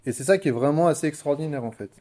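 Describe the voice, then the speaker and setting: A man's voice: fairly high pitch, very fast, warm tone. A man conducting an interview, speaking casually with many filler sounds. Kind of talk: radio interview.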